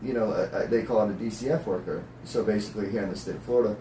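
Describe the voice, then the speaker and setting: A man's voice: lowish voice, fairly even intonation, very fast, mellow. A man in a casual discussion, talking emphatically and repeating himself to press his point. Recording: echoey room, distant mic, faint noise.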